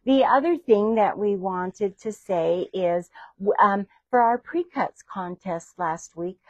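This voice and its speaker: A woman's voice: medium pitch, takes it slowly, darkish tone, no echo, poor audio. A woman co-hosting a fabric shop livestream in a casual, chatty way, laughing and teasing often. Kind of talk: casual live chat.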